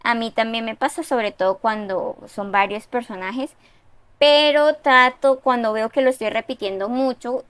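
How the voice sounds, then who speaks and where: A woman's voice: on the high side, normal speed, a bit bright, clean tone, no room sound. Chatty woman critiquing a story, dry close sound. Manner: conversational, with tag questions and fillers. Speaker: writing reviewer giving feedback. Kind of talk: casual spoken critique.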